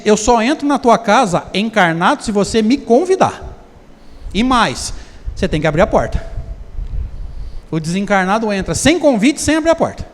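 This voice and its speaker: A man with a Brazilian Portuguese accent giving a conversational seminar lecture, often putting questions to the audience. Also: high voice. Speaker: spiritist lecturer. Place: lecture hall. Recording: long hall reverb.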